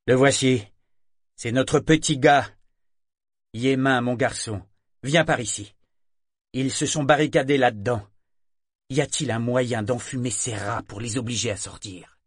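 A man voicing a triumphant leader of rebel slaves, loud and bossy. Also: mid-range voice, measured pace, pauses often, no room sound, studio quality, close to an everyday voice.

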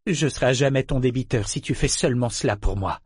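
A man's voice: mid-range voice, fast, darkish tone, slightly rough, dry recording, studio quality, close to an everyday voice. A man voicing an earnest young man who pleads urgently. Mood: earnest pleading. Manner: urgent, imploring.

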